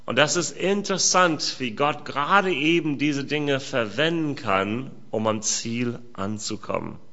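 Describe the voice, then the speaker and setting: Male preacher doing a sermon, asks the crowd questions, bright voice, dull lo-fi audio. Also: mid-range voice, measured pace. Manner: addresses listeners directly with rhetorical questions. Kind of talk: sermon with Bible reading. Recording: dull lo-fi sound.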